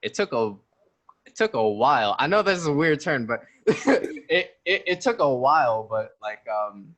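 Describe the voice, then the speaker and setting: A man's voice: medium pitch, big pitch swings, measured pace, a bit bright. A 19-year-old man chatting casually as an interview guest, joking, laughing often and rambling with restarts.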